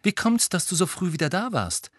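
A patient, know-it-all teenage girl witch, as a male audiobook reader puts her on. She talks slowly and explains everything with exaggerated patience, pitched above the reader's own voice. Close, dry recording. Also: big pitch swings, gravelly, fairly bright tone, breathy edge, no room sound, full character voice. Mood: cheerful.

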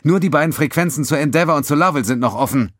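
A man's voice: fairly high pitch, animated, fast, no room sound, studio quality, voice pushed up. A man voicing an eager male engineer giving technical reports. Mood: explaining.

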